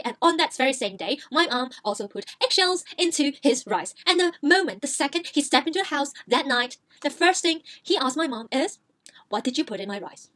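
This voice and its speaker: A woman vlogger telling a funny story in an animated, dramatic way. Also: sits high. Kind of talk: storytime vlog.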